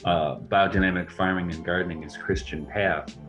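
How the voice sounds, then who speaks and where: Man, very deep pitch, conversational discussion, reading aloud, faint background music. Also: steady tone, moderate pace, highs cut off. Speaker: course teacher. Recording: music behind the voice.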